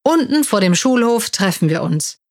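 A woman reading a children's story aloud and voicing a brisk teacher who gives instructions to her class. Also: medium pitch, big pitch swings, darkish tone. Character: brisk female schoolteacher leading a class.

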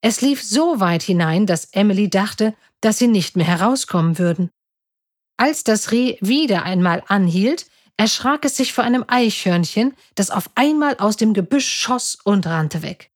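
A woman reads a story aloud in a steady, careful voice of middling pitch. The sound is dry and close, with no room in it. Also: a little slow, no echo. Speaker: story reader.

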